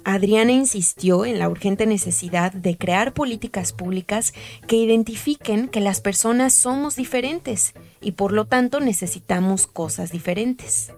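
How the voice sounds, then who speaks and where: A woman hosting and narrating a podcast in a calm, measured, explanatory way. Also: mid-range voice. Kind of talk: scripted narration.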